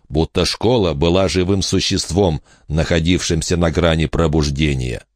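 A man narrating a horror audiobook in a measured, steady storytelling manner. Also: low-pitched, no room sound, studio quality.

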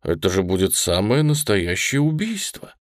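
A wise straw scarecrow, low-voiced and unhurried, who lets gentle mockery slip into his explanations, played by a man. He speaks with weight and lively turns of pitch. The reading is close and dry. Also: no echo. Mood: mocking. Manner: weighty, mocking. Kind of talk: audiobook character reading.

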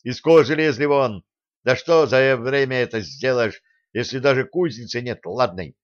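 A man's voice: mid-range voice, normal speed, natural voice. Man voicing a grumbling stubborn old teacher. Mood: irritable. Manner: grumbling, irritable, defiant. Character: grumpy stubborn elderly teacher, craftsman. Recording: dull lo-fi sound.

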